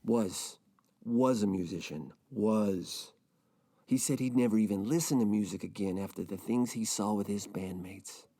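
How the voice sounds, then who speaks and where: An actor playing a gloomy, self-pitying rich man who rambles in a deadpan, mopey way in a comedic audio drama. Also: on the low side, fairly quick, few pauses, close to an everyday voice.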